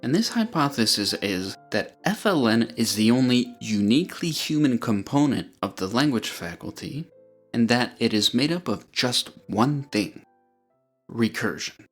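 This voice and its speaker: Narrating an explainer, a man lays out ideas step by step, clear and measured. He has a medium pitch and an animated delivery, with faint music playing behind him.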